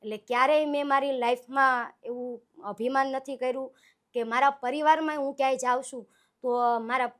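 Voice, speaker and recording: The Saurashtra-born folk singer's voice is high and a bit bright, brisk, with fairly even intonation. Chatting casually in an interview as a guest, she shares her stories in an earnest, heartfelt way.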